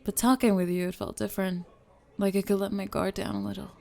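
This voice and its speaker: A woman's voice: mid-range voice, little pitch movement, quick pace, gravelly, warm tone, soft background music. A woman playing a tough, guarded young woman who awkwardly lets her guard down in a scripted ASMR dating role-play, hesitant and casual. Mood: awkward, softened.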